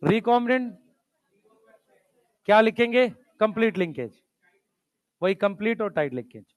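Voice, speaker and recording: High-voiced man teaching a class, dry sound. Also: expressive, no echo. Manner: addresses students as beta, mixes English terms, prods them to write fast. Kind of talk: classroom lecture.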